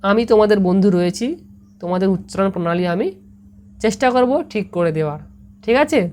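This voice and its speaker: A woman's voice: mid-range voice, a little mellow. Patient Bengali-accented woman teaching pronunciation. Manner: patient, repeats words slowly, asks "ঠিক আছে?" often. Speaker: English teacher. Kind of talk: explaining lesson to students.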